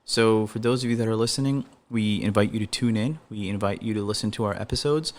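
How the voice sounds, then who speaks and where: Low-voiced man signing off a podcast. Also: fast talker. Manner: relaxed, repeats phrases in sign-offs. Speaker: podcast co-host. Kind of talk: casual conversation. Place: coffee shop set.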